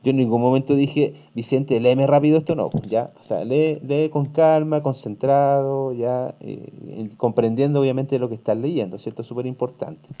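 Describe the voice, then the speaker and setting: A man leads an online lesson, patient and repetitive as he explains a text to his students. His voice is very dark and mellow. The audio sounds dull and lo-fi. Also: mid-range voice, normal speed, few pauses. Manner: patient, repeats "¿cierto?" and "¿ya?" often. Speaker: teacher.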